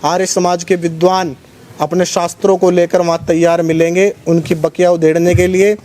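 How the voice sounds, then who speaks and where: A man speaking as a religious organisation's spokesman at a press conference, in a forceful, combative preaching tone. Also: sits high, level tone, normal speed. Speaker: Arya Samaj spokesman.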